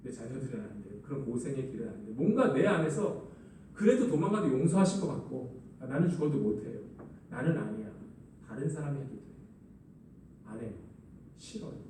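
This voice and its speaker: A man's voice: medium pitch, very animated, fairly quick, warm tone, recorded from a distance, slight background noise. A man preaching a sermon as a pastor, acting out the lines he quotes. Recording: echoey hall, voice from afar.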